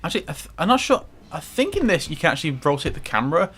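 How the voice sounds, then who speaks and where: A man's voice: fairly high pitch, big pitch swings, rapid-fire, a bit bright. A man commentating a fighting game playthrough, rambling and swearing often, with game music faint behind. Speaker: gaming commentator. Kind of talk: let's play commentary.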